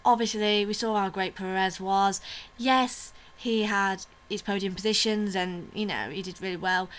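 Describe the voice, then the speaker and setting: Bright-voiced chatty woman. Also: medium pitch, moderate pace. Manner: chatty and opinionated, with fillers and asides. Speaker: vlogger host. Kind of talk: casual video review chat.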